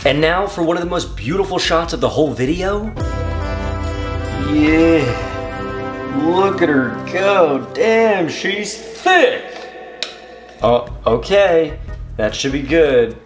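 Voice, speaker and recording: A man's voice: fairly high pitch, lively intonation, slow pace, long pauses. A young man vlogging while he cooks in his home kitchen, joking, swearing and talking to his viewers. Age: young adult. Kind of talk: casual cooking vlog. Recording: echoey kitchen with background music.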